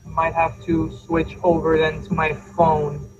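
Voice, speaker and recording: A man's voice: fairly high pitch, monotone, unhurried, slight background noise. A man on a video call explaining his audio setup casually, his voice muffled as if heard through a wall from a distant laptop mic. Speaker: meeting participant on a video call. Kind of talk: casual, explaining tech trouble.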